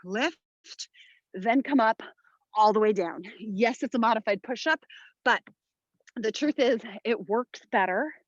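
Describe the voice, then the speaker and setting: A woman's voice: on the high side, measured pace, no room sound, dull audio. A woman leading a follow-along workout as a fitness instructor, giving motivational short commands and counts while exerting herself. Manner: exerting while talking, audible breaths and sighs.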